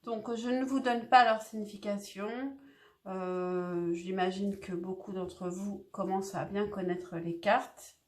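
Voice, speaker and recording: Lady doing a tarot reading, slow and halting, echoey room, cards shuffling. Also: mid-range voice, steady tone, darkish tone. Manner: hesitant, many fillers and restarts. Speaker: tarot reader. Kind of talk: casual tarot reading monologue.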